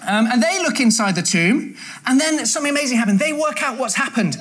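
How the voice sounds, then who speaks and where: A woman with a high voice leads a children's talk, speaking fast. She tells the story in a lively, playful way and asks the children questions.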